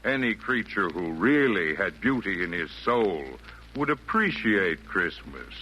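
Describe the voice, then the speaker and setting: An actor playing a wise, jolly yet firm old Santa, speaking eloquent rhymed verse in a theatrical 1940s radio style. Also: male voice, deep voice, big pitch swings, unhurried, bright, forceful tone, full character voice. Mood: stern, lofty. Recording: noisy vintage 1940s radio broadcast.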